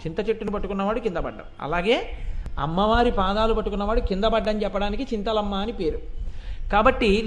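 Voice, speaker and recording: A man giving an animated devotional storytelling discourse, asking the listeners rhetorical questions. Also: sits high. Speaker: devotional speaker.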